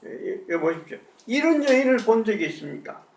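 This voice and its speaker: A man's voice: high-pitched, big pitch swings, fairly quick, gravelly, darkish tone, recorded from a distance, slight background noise. Preaching man in an echoey church. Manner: conversational preaching with rhetorical questions. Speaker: pastor. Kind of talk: sermon. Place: church sanctuary.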